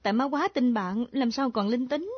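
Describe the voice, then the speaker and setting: A soft, coaxing young ghost daughter in a radio drama, with a husky, fairly high voice. The old recording is dull and close. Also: female voice, lively intonation, moderate pace, no room sound. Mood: soothing. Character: dead young daughter's ghost, gentle, soothing.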